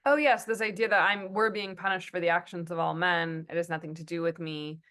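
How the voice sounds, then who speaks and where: Lady tv writer being interviewed, low-ish voice, lots of ums and restarts, thinks out loud. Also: fairly even intonation, brisk. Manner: thoughtful, many fillers and restarts, acts out quotes. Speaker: TV writer and producer, guest. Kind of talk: conversational interview.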